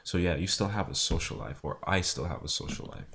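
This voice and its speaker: A young man talking casually to camera in a low, unhurried, low-energy voice with a husky, just-woken sound. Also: fairly bright tone. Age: young adult. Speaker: vlogger, pre-med student. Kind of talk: casual talk to camera answering viewer questions.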